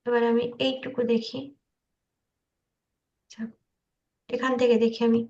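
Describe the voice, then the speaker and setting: The dull, lo-fi sound of an online meeting call carries a woman's fairly high, slightly mellow voice, delivered flatly and a little slowly. She tutors people on video animation software through an informal screen-share, hesitant and making sure her listeners follow.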